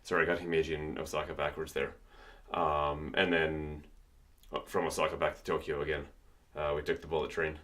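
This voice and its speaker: On a casual livestream, a man producing music in his home studio chats and thinks aloud, with keyboard typing in the background. His very deep voice has little pitch movement, a fairly bright tone and a slightly fast pace.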